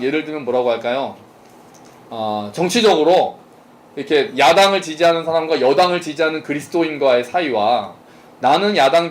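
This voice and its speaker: A man pastor giving a conversational sermon at a church service, asking the congregation questions and joking with them. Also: fairly high pitch. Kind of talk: interactive sermon.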